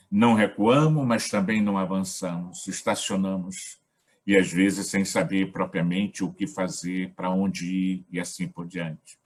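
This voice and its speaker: A man with a Brazilian accent facilitating a gospel study, talking in a measured, reflective way in short phrases. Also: low-pitched, husky. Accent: Brazilian Portuguese. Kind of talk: reflective spiritual talk.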